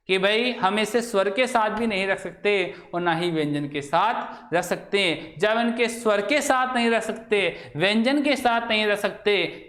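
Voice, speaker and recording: A man's voice: high voice, a bit bright. A man teaching a grammar lesson to a class. He keeps asking questions and then answering them himself. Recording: echoey room.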